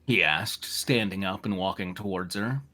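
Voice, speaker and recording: A man with a deep, sharp-toned voice reads fan fiction aloud at normal speed for comedy. As narrator and reader, he sounds wry and amused, slipping into casual asides.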